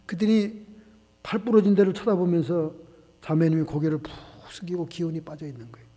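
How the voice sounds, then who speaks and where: High-voiced pastor in an echoing hall. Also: male voice, a little fast, dark tone. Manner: acts out dialogue in the story with shifting voices. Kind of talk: sermon storytelling. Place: church sanctuary. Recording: long church hall reverb.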